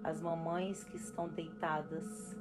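A Brazilian woman calmly leading a guided breathing and relaxation exercise with unhurried pauses, as an instructor. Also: deep voice. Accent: Brazilian Portuguese. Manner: slow, calm, instructing with pauses. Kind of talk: guided relaxation for expectant parents. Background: music.

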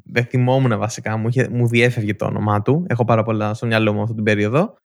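A young man co-hosting a casual podcast chat, telling stories with animated bursts and rising excitement. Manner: animated storytelling, rising pitch when excited. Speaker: podcast co-host.

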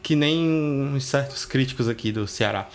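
A man's voice: medium pitch, normal speed, over a noisy crowd. A man, co-hosting a podcast in casual chat, blunt and swearing freely as he thinks aloud. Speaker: podcast co-host. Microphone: studio microphone.

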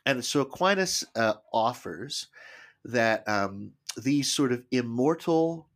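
A man's voice: mid-range voice, animated, slow pace. A man co-hosting a casual podcast, tentatively explaining a book at length. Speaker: podcast co-host.

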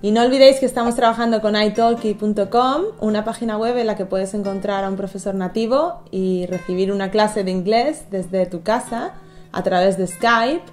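A woman at a middle pitch co-hosts a bilingual lesson, putting questions to the teacher. She is chatty and playful and laughs easily. Faint music plays in the background. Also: normal speed, a little mellow. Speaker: co-host asking questions.

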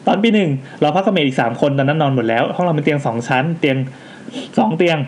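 A man's voice: a little high, a little hiss or hum. A man co-hosting a casual podcast, reading listener ghost stories aloud with jokey asides. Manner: animated, quick reactions, jokey asides while reading.

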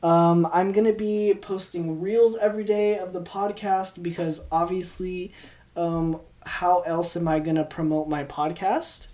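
A woman's voice: on the low side, fairly even intonation, unhurried, mellow. A twenty-year-old woman hosting a solo podcast, rambling in casual chat, stumbling over her words in an upbeat way. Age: 20s. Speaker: podcast host. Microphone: podcast mic, also filmed for video.

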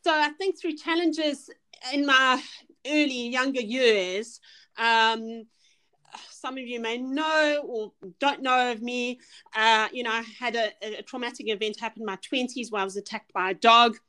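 A middle-aged South African woman, a personal trainer and motivational speaker, talks as a guest on a casual podcast interview. Her voice is fairly high, smooth and sharp-toned, at a measured pace. She's chatty and earnest, with many restarts and fillers.

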